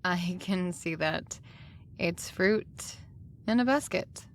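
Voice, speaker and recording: In an audio drama, a woman plays a high school art teacher who is demanding yet thoughtful. She speaks deliberately and instructively, with a critical, dry mood.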